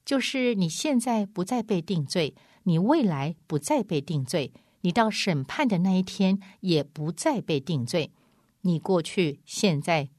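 A woman's voice: on the low side, darkish tone, no room sound, clean studio sound. A woman preaching an evangelistic sermon in an emphatic, repetitive way, often acting out a back-and-forth with a doubting listener.

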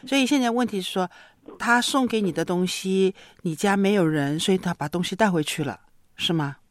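A calm woman counselor asks probing questions and sums up what the caller has told her. Her middle-pitched voice sounds close and dry. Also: brisk, dry recording. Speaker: counselor host. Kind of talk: radio call-in counseling.

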